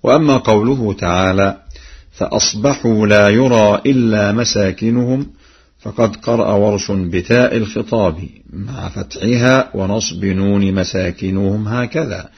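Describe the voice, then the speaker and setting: A man from Egypt giving a broadcast lesson on Quran reading variants, explaining in a measured way and chanting verse examples. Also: lowish voice, slightly rough. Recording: lo-fi radio broadcast.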